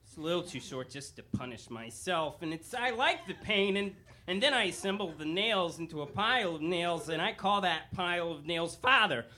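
A man's voice: sits high, expressive, moderate pace, hardly any pauses, sharp tone. A man playing an earnest, oversharing, troubled police commissioner in a comedy script reading. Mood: earnest confession. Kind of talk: comedy script read-through.

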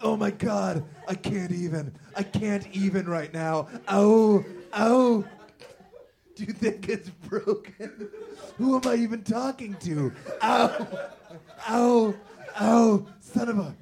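Man playing a wailing, high-pitched, self-pitying superhero. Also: takes it slowly, vocal fry, a little mellow, heavily acted. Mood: pained whining. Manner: wailing, melodramatic. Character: whiny, self-pitying Batman in pain. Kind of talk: comedy script read-through.

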